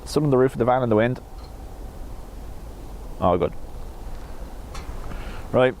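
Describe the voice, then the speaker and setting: A man with a medium-pitched, darkish voice speaks a little slowly as he hosts a live stream from a van parked outdoors by an airport. Chatty, jokey and self-mocking, he reads out viewer comments into a wireless mic with a wind filter, and wind noise still comes through.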